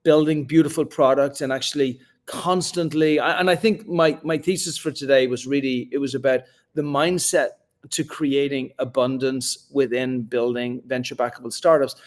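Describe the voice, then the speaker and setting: A man moderating a live startup talk, speaking in an energetic, emphatic and casual way, with the odd swear word. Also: mid-range voice, moderate pace. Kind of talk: motivational live talk to founders.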